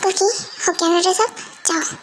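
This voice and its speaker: A woman's voice: extremely high pitch, steady tone, normal speed, slight background noise. A woman voicing a cold, bossy young mafia husband who gives curt orders in an amateur fan dub. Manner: curt, commanding, dismissive.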